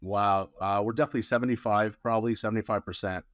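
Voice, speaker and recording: A man with a very deep voice talks casually about his work as a lawyer. He wanders through his answers with fillers and restarts. The sound is close and dry, with no room around it. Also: steady tone, fast talker, no room sound. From Colombia. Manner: rambling, many fillers and restarts. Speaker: immigration lawyer, guest.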